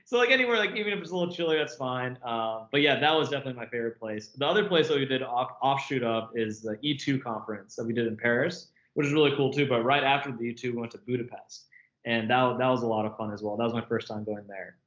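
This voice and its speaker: A man around thirty, chatting as a guest, rambling through filler words and laughing often. His voice sits at an ordinary pitch. It comes through a remote call that sounds echoey and a bit dull. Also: fast, fairly bright tone. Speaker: interview guest. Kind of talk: casual interview chat. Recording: echoey, muffled call audio.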